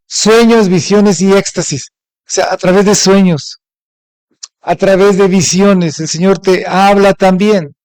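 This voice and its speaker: A man's voice: on the high side, darkish tone, clear, resonant tone, dry recording, rough recording. A middle-aged Mexican man preaching a Sunday sermon as pastor, often asking his congregation questions. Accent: Mexican Spanish. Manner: asks the congregation frequent rhetorical questions.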